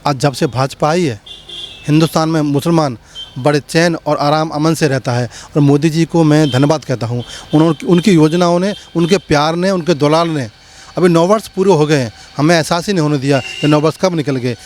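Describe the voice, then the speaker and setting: A man's voice: fairly high pitch, moderate pace, a little mellow, a little hiss or hum. A man, a community leader, answering interview questions in a rhetorical, impassioned speechmaking manner with many repetitions.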